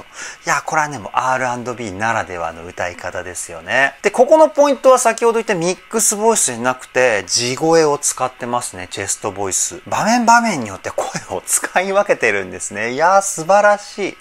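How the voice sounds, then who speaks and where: A man's voice: mid-range voice, wildly swooping pitch, fairly quick, few pauses, fairly bright tone, slight background noise. A man working as a voice trainer, giving a casual, admiring analysis of singing and explaining patiently with many fillers. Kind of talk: casual vocal analysis commentary.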